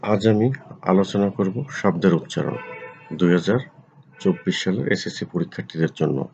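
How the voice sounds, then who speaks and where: A man, a lecturer giving a pronunciation lesson, repeating each word slowly, sometimes syllable by syllable. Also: deep voice, creaky, a little mellow, a little hiss or hum. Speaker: Bengali lecturer. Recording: dull lo-fi recording.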